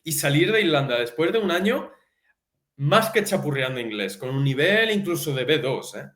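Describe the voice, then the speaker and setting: A man's voice: a little high, moderate pace. Easygoing young Spanish man in an echoey room. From Spain. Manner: informal, says tío a lot, lively and laughing. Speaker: guest, teacher. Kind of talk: casual chat.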